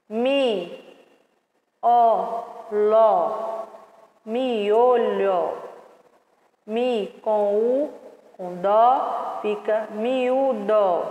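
Lady teacher, kinda high voice, sounds out syllables super slow, echoey room. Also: darkish tone. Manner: slow, drawn-out syllables, patient and instructive. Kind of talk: online class for young children. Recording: echoey room with long reverb.

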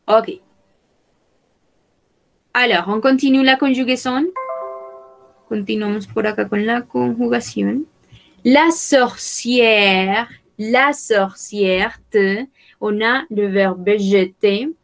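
Slow, careful French teacher woman. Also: a little high, steady tone, gravelly. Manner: slow, careful, repeating words for students. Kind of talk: bilingual online class, French and Spanish.

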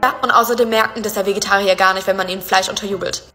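A woman's voice: medium pitch, steady tone, very fast, pushed and bright, faint music behind. A young woman telling a storytime vlog, ranting indignantly about her family with casual swearing and English slang mixed in. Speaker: content creator.

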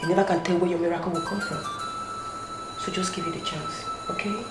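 Woman acting a low-voiced reassuring Nigerian confidante. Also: fairly even intonation, brisk, natural voice. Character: reassuring female confidante advising her friend. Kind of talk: film drama acting. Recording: echoey room, loud film music.

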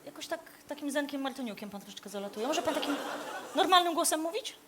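A woman with a high voice that moves up and down a lot, giving deadpan, matter-of-fact replies in a live comedy sketch. A clear audience crowd and noise sit behind her. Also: fast. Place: stage before a live audience.

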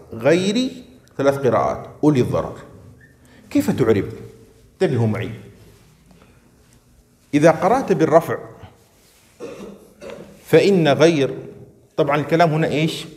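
A man teaching a grammar class who often checks that his students follow and slows down to stress each example he reads out. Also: on the high side, darkish tone, big-room sound, a little hiss or hum. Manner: checks understanding with frequent questions to students; slows down and stresses words when reading out examples. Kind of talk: classroom lesson.

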